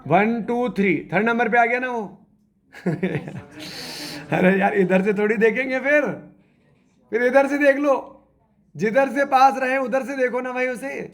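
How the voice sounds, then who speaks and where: High-pitched guy teaching chemistry in class, keeps asking questions and repeating answers. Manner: spells out structures slowly, step by step. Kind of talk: classroom lecture.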